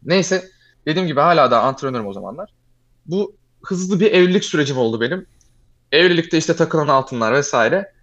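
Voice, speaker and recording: A young man tells his story at a quick, lively clip in a casual chat. His voice sits a little high. The recording sounds dull and lo-fi. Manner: fast animated storytelling, addresses listener as "abi".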